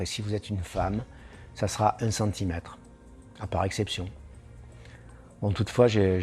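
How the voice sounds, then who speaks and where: A man runs a singing lesson in a fairly low, mellow voice. He explains technique patiently and keeps tacking on small asides as he goes. Soft music plays faintly behind him. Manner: explanatory, with frequent "hein" tags. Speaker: singing teacher.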